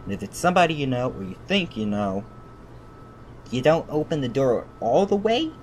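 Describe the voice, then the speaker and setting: Over constant background noise, a man livestreaming a game reads its story text and reacts in an annoyed, very profane way. His pitch is fairly high and his pace moderate.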